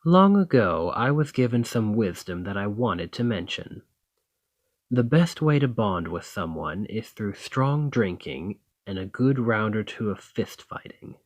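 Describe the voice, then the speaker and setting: A roleplay audio performer voices a dominant, teasing Nordic fantasy thane, a confident warrior lord, addressing the listener in an ASMR scene. His lowish voice is expressive and unhurried, commanding and flirtatious with a challenging, playful mood, and there's no room sound.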